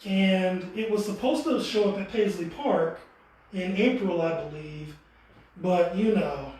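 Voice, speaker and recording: A man's voice: high-pitched, measured pace, a little mellow. A man speaking casually as a tour guide, showing visitors around. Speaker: exhibit tour guide and co-curator. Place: indoor art gallery. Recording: echoey indoor room.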